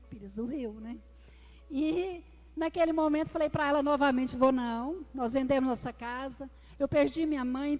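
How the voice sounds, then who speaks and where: High-voiced woman testifying in a church. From Brazil. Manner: emotional storytelling, addresses the congregation as brothers. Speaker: deaconess giving a testimony. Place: church hall. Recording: reverberant church hall with music.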